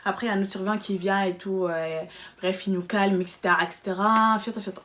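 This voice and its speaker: A young woman telling a storytime vlog in an animated, slangy, quick way. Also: medium pitch. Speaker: vlogger.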